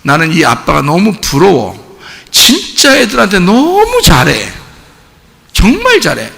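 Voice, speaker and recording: A male pastor preaching a sermon in a church, animated and acting out the voices he quotes. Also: high-pitched, measured pace, creaky. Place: church sanctuary. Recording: reverberant church hall with faint noise.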